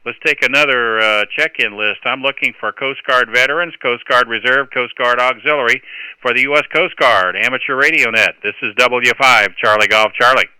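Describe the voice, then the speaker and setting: A man's voice: medium pitch, moderate pace, pushed and bright, smooth, dry recording, low-quality recording. A man working as an amateur radio net controller, speaking in courteous, procedural marine radio style with phonetic call signs.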